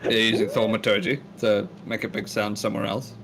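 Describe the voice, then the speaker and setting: A man's voice: on the low side, level tone, fairly quick, a bit bright, faint music behind. A man narrating as the dungeon master of a tabletop game, laughing often.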